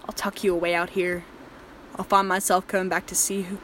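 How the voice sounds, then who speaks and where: A woman's voice: on the low side, level tone, a little fast, a little hiss or hum, close to an everyday voice. A woman voicing a volatile, possessive male killer in an audio drama, speaking in a controlling, threatening manner. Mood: softly menacing. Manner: menacing and controlling, soft-spoken then raging. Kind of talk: erotic horror audio drama.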